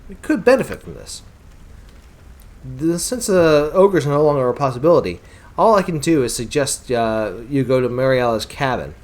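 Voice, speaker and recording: A polite, worried village leader weighing a hard choice for his people, as a man reads him in nearly his own voice. The delivery is courteous and a little hesitant, with lively rises and falls. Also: mid-range voice, normal speed, natural voice. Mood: concerned.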